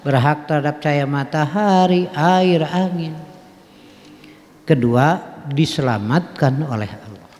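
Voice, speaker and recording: A man's voice: fairly high pitch, slow, pauses often, darkish tone. Sundanese-accented man preaching in a mosque. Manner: folksy, mixes in regional phrases, asks the audience questions, chuckles. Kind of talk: mosque study sermon. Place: mosque hall. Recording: long hall reverb.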